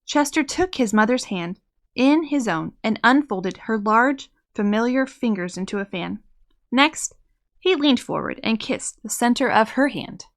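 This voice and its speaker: A woman narrating a children's storybook as a read-aloud host, in an expressive, measured storytelling manner. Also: fairly high pitch.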